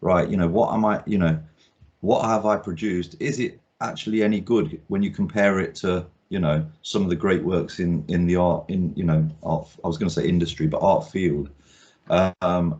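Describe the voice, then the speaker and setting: In dull, lo-fi audio, a man plays host for a laid-back video-call interview as an art critic, rambling and often restarting with ums. His voice sits low and is a little mellow, with fairly even intonation and a moderate pace.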